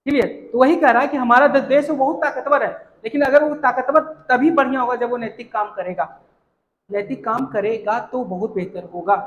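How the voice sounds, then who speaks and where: A teacher explaining a textbook lesson line by line, reading English lines slowly and checking understanding. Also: sits high. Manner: explains with everyday examples, filler "है ना". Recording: roomy echo.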